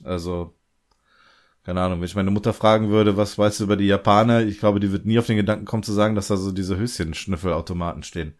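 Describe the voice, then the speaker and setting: Low-voiced, chatty man. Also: fairly even intonation, quick pace, a little mellow. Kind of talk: casual film discussion.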